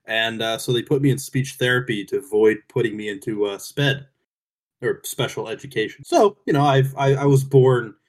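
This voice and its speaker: A man's voice: medium pitch, moderate pace. A man co-hosting a casual podcast, dropping dry, absurd jokes. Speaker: podcast co-host.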